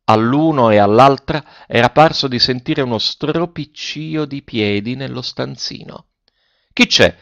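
A man narrating a story as an audiobook reader, in a measured storytelling manner. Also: medium pitch, creaky, no echo, highs cut off. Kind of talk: scripted narration.

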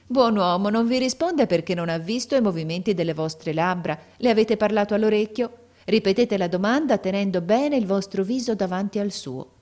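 A woman reading a story aloud, voicing a calm, patient schoolteacher who explains things carefully. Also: medium pitch, pitched above the performer's own voice, close to an everyday voice. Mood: gently instructive. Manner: explaining, measured, reassuring.

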